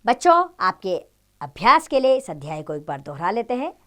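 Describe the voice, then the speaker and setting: Lively woman teaching grammar to children. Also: mid-range voice, moderate pace. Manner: expressive, acts out example exclamations. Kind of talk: Hindi grammar lesson for children.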